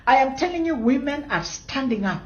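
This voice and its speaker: A woman's voice: high-pitched, lively intonation, a little fast. A Kenyan woman in her fifties with a Kenyan accent, giving an impassioned, defiant monologue full of rhetorical questions. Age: 50s. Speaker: commentator in a played clip. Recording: echoey, dull lo-fi clip.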